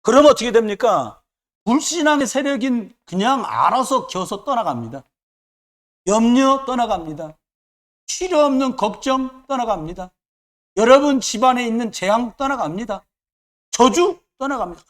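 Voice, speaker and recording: A man's voice: very high-pitched, animated, moderate pace. A man preaching a sermon as pastor, emphatic and repetitive, with joking asides.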